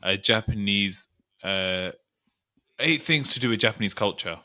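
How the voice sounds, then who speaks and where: A man with a lowish, bright voice co-hosting a casual chat podcast. He jokes readily and explains ideas at length in an easy, friendly way. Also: a little slow. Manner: laughing, playful, explains at length. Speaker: podcast co-host.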